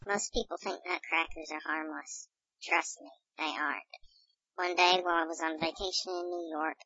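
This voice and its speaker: A man telling a comic story through an electronically altered, disguised deep voice, playing an anonymous witness. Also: vocal fry, bright, forceful tone, dry recording, lo-fi sound, heavily acted. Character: anonymous male witness hiding his identity. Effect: voice electronically altered to a disguised deep pitch.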